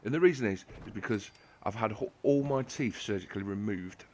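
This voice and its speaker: Man, lowish voice, wry self-mocking game commentary, slight lisp from toothache. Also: fairly quick, a little mellow, a little hiss or hum. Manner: sarcastic, self-mocking, rambling. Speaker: gaming channel host. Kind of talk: gameplay commentary.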